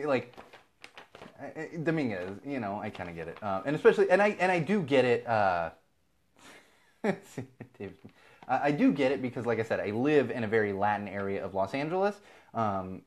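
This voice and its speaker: Over slight background noise, a man with a mid-range voice hosts a live feed. He's a Southern California podcast host ranting in a casual, exasperated way and swearing without restraint.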